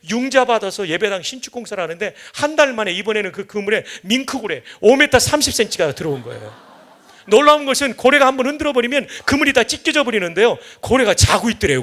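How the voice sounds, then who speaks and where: High-voiced, gravelly preaching man. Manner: lively storytelling with humor. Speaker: guest pastor. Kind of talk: evening sermon. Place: church sanctuary.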